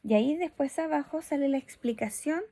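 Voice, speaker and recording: A woman's voice: high voice, brisk, mellow. A woman teacher recording a video lesson for schoolchildren, friendly and often checking in with her pupils. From Chile.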